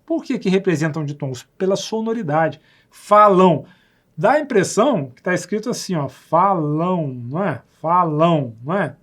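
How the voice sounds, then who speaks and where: Brazilian male teacher, slightly raised pitch, patient and repetitive recorded lesson delivery. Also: sing-song, slightly rough. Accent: Brazilian Portuguese. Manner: patient, repeats words slowly and checks with the viewer.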